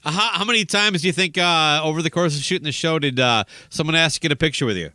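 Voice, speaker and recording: A man's voice: on the high side, fast talker, sharp tone, no room sound, studio quality. A man hosting a podcast interview, chatty and joking. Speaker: podcast host. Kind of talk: casual interview.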